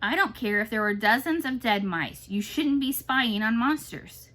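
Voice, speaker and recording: A careful, worried young possum brother in a children's storybook, as a woman reading aloud puts him on. He sounds earnest and fretful, pitched a touch higher. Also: animated, normal speed, a bit bright. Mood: concerned.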